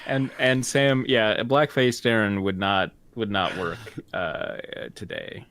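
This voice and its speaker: A man's voice: lowish voice, slow pace, a bit bright, dry recording. A man co-hosting, in a joking, rambling casual chat. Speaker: co-host.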